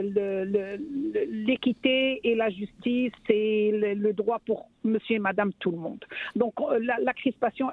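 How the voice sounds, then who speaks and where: Speaking with passion as a radio guest, a Moroccan woman often repeats words while hunting for the next one and poses rhetorical questions. Her voice is a little high, with no room sound, carried over a dry, phone-like line in a radio discussion.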